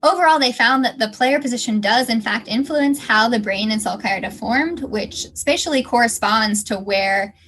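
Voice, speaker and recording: A young woman with a fairly high-pitched voice co-hosts a casual science podcast. She sounds bubbly and chatty and laughs easily as she explains research. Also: moderate pace, hardly any pauses, a bit bright. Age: young adult. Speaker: podcast co-host.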